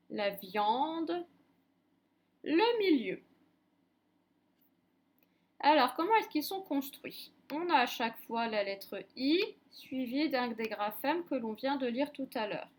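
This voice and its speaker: Slow, high-voiced French schoolteacher. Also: female voice. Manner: slow, clearly articulated, drawing out sounds. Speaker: primary school teacher. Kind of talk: reading lesson for young children.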